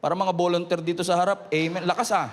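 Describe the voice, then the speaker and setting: High-voiced Filipino pastor preaching. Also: male voice, flat delivery, quick pace, in a large hall, slight background noise. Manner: switches between Tagalog and English, calls for raised hands, rises to shouts. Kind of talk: preaching a sermon to a congregation. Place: large church hall.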